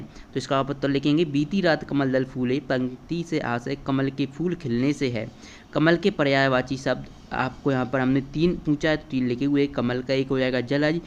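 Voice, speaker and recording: Man, teacher, step-by-step exam walkthrough, dull recording, faint hiss. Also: medium pitch. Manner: explains step by step, addresses children, repeats "है ना" and "ठीक है". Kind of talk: exam paper walkthrough lesson.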